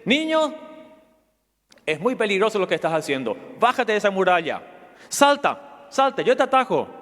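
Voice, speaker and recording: A man's voice: sits high, very animated, normal speed, fairly bright tone, voice pushed up. A man playing a concerned adult man who urges a child with raised, coaxing calls. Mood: urgent coaxing. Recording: long church reverb.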